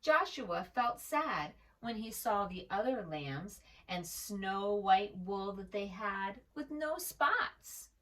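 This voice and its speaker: Her medium-pitched voice is slow yet has few pauses as she reads a picture book to preschoolers, gentle, expressive and melodic. A children's storyteller, she savors each phrase, speaks directly to the young listener with questions, and sits some distance from the mic.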